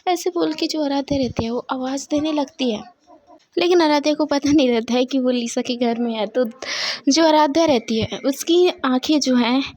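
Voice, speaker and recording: A woman's voice: sits high, normal speed, darkish tone. A woman telling a story casually, rambling with frequent fillers and self-corrections.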